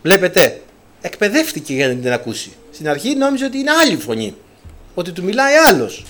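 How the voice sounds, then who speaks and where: A man from Greece preaching a sermon, telling a Bible story in an animated way and acting out its dialogue. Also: high-pitched.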